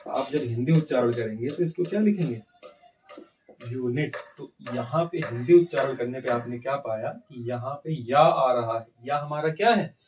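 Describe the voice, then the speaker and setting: A man's voice: mid-range voice, normal speed, far from the mic, highs cut off, background noise. A man teaching an English grammar lesson, asking questions and answering them himself. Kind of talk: classroom-style grammar lesson.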